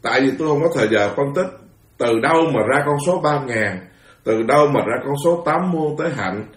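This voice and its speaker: A man delivering a Buddhist sermon, moving between quiet asides and forceful outbursts. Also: mid-range voice, animated, brisk, roomy sound. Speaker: Buddhist monk teacher.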